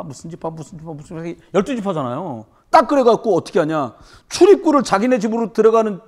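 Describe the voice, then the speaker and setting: A woman pastor preaching a sermon at a church service, firing rhetorical questions at the congregation. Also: on the low side.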